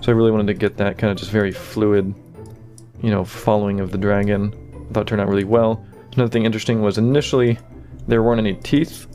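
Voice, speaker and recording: A man's low voice runs fast as he offers easygoing commentary on his own animation's behind-the-scenes. His talk is full of "you know" and "kinda," set against soft background music.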